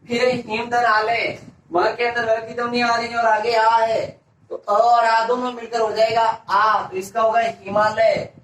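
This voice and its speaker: High-voiced teacher quizzing and answering himself. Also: male voice, little pitch movement, a little slow, fairly bright tone. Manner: asks a question and answers it himself, repeating each answer. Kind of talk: classroom-style grammar lesson. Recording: echoey room, voice from a distance, faint hiss.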